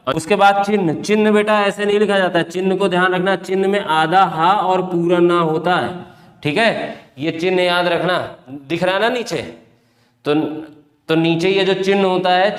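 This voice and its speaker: A man's voice: high voice, a bit bright. A man teaching a spelling class for exam preparation, repeating each word, asking his students questions and calling them affectionately by pet names. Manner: addresses students fondly as beta and bhaiya. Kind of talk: exam-prep class lecture. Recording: echoey classroom with long reverb.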